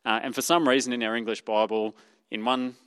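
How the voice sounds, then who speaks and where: A man giving a sermon, explaining scripture in an unhurried, thinking-aloud way with small fillers and restarts. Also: mid-range voice, fairly even intonation, fairly bright tone, clean tone. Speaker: preacher. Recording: long hall reverb.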